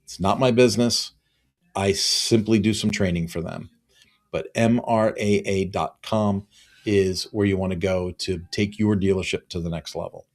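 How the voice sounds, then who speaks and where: Man in his fifties, low-pitched, earnest, repeats himself for emphasis, solo consultant talk. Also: steady tone, normal speed. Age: 50s. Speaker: business consultant and trainer. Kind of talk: solo promotional talk to camera.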